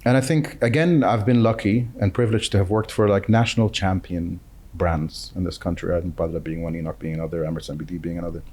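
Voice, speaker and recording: Interview guest: middle-aged man from the UAE, low-ish register, thoughtful and candid delivery. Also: steady tone, a little mellow, slightly rough. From UAE (Dubai). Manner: thoughtful, earnest, measured with fillers. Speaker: guest, chief marketing officer.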